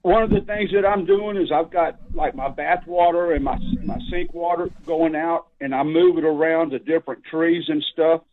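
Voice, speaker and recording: A man's voice: a little high, moderate pace, few pauses. Older man calling in on speakerphone. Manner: plain-spoken, hurrying to get questions out. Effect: voice heard over a phone line on speakerphone. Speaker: radio call-in caller. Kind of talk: casual call-in questions. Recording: tinny phone line.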